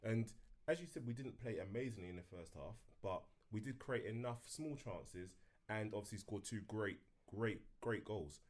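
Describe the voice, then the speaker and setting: A man's voice: on the low side, normal speed. A man co-hosting a casual football chat, earnestly making his case about a match. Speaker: podcast co-host.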